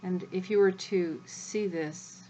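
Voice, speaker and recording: A woman leading a guided spiritual energy activation as the guide, speaking in a measured way with long pauses between short phrases. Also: fairly low pitch, fairly even intonation, warm tone, a little hiss or hum, poor audio.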